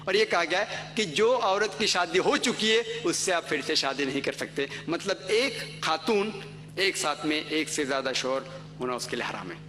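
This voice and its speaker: A man's voice: a little high, lively intonation, bright, forceful tone, soft background music. A man giving an explanatory religious lecture, going through points methodically and citing verses by number.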